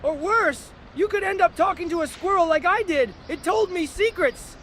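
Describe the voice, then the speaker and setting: Very high-pitched, grandiose eccentric mystic. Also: male voice, moderate pace, fairly bright tone, a little hiss or hum. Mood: whimsical. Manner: theatrical, grandly declaiming. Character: whimsical, grandiose eccentric mystic who reveres spirits and prophecy. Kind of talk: scripted fantasy comedy dialogue.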